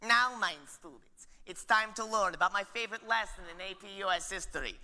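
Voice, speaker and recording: A young man playing a stern, anti-communist female history teacher in a theatrical, shrill manner, on a school stage. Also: brisk, pushed and bright, in a large hall. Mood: zealous.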